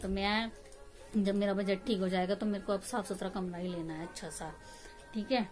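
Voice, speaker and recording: A woman's voice: mid-range voice, steady tone, moderate pace, a little mellow, faint music behind. A woman in her thirties talking casually to her viewers from her rented room at home, rambling and emotional with many restarts. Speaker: family vlogger.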